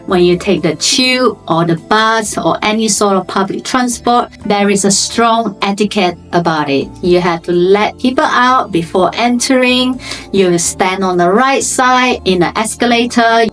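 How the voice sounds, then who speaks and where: A woman in her thirties from Malaysia with a Malaysian English accent, chatting informally to camera in a vlog with loose grammar. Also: medium pitch. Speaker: vlogger. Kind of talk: casual chat to camera.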